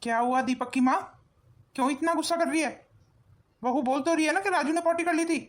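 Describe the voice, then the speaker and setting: A woman's voice: high-pitched, brisk, slight background noise, close to an everyday voice. A woman voicing a patient elderly father-in-law in a cartoon, reasoning and mildly chiding.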